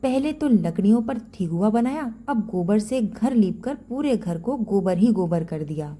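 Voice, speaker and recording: A woman storyteller voicing a sharp-tongued young wife who scorns worship, speaking in a scolding, dismissive way. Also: medium pitch, lively intonation, measured pace. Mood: irritated.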